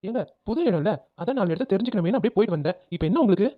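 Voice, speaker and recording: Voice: medium pitch, lively intonation, dry recording, natural voice. A voice actor playing a theatrical young wife who fakes tears in a cartoon family drama. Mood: defiant. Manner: pert, quick, dramatic. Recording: dry, phone-like lo-fi sound.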